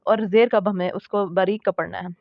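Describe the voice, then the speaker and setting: A woman teaching a tajweed lesson, patiently explaining recitation rules, repeating her points and slowly sounding out example words. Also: mid-range voice, steady tone, vocal fry, no room sound, muffled recording. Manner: patient, repeats points and checks in with "theek hai".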